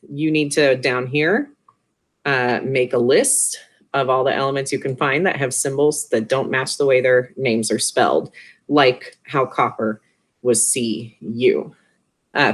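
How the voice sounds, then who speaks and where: A high school chemistry teacher giving a recorded video lesson in a casual, offhand way, dropping joking asides. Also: fairly bright tone.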